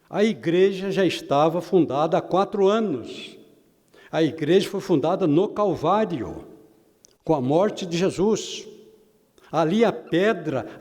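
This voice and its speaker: A man's voice: high voice, a little mellow. A man teaching a Bible lesson in a preaching style, dramatic, acting out imagined dialogues and repeating phrases for emphasis. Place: church hall. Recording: long hall reverb.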